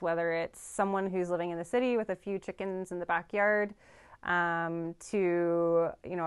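With a fairly low-pitched, clean-toned voice, a young woman from Canada who works as a farm veterinarian answers interview questions in a thoughtful way. She often ums and restarts her sentences. She's seated in a studio with a dark backdrop.

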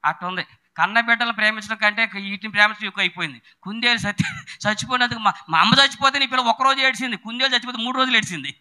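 A middle-aged male preacher, delivering a sermon with sudden shouted bursts and chatty storytelling. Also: very high voice, very fast.

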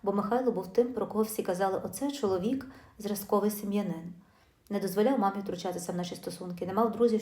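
A middle-aged woman narrating a first-person life story in a brisk, emotional, confiding way. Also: mid-range voice, mellow. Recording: roomy echo.

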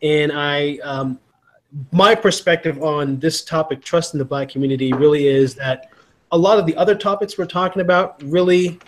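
A middle-aged man from Canada hosting a panel discussion over a video call, speaking in a measured, halting way with many fillers. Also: fairly high pitch. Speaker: host. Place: small room at home. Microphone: headphones on a video call.

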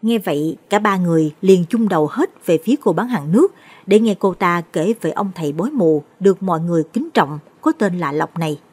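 A woman narrating a late-night Buddhist ghost story in a steady, measured way. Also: lowish voice, breathy edge.

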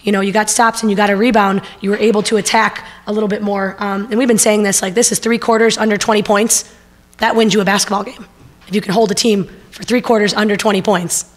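A woman's voice: medium pitch, fast. A middle-aged woman head coach speaking earnestly at a postgame press conference from a table mic. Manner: steady, earnest, many fillers. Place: press room. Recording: long reverb in press room.

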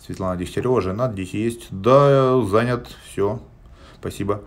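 Speaking at a normal speed in a fairly low voice, this forties-aged man answers viewers' questions plainly during a casual live stream. He hesitates often as he talks from a small room indoors, with a phone held out at arm's length picking him up.

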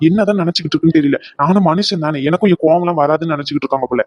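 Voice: mid-range voice, rapid-fire, no room sound, lo-fi sound, lightly acted. Someone voicing a grumbling overworked maid. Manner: mutters complaints under her breath. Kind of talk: cartoon voice acting.

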